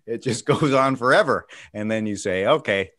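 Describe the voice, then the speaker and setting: A man's voice: mid-range voice, normal speed, a bit bright, dry recording. A middle-aged man doing casual stand-up comedy over a video call, self-mocking and laughing at his own jokes. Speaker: stand-up comedian hosting a virtual show.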